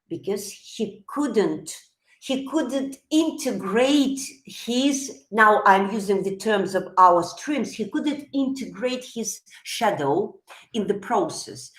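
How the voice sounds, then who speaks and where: A woman's voice: medium pitch, animated, slow, a bit bright, echoey room. A woman whose first language is Russian, teaching psychology on a live stream, thinking aloud with frequent hesitations and restarts.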